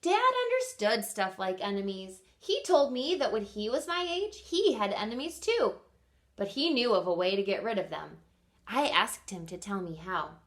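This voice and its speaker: For an audience of young children, a woman who teaches and hosts reads a storybook aloud expressively, regularly pausing for questions. Her voice is mid-range.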